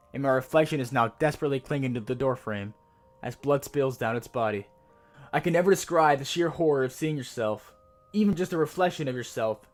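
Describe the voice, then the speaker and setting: A man's voice: on the high side, pitched above the performer's own voice, close to an everyday voice. Man reading as a haunted horror narrator, suspenseful. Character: haunted, increasingly terrified narrator of a horror tale. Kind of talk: dramatic creepypasta reading, first-person horror narration.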